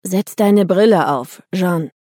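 A woman's voice: on the low side, a little slow, mellow, dry recording, clean studio sound. A woman voicing a cool, commanding woman who leads a heist and gives curt orders in an audiobook.

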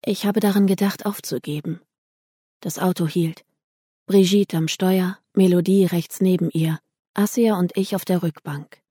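A woman reading an audiobook aloud in a measured, calm, scripted narration. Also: lowish voice, slightly rough, dry recording, clean studio sound. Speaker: audiobook reader.

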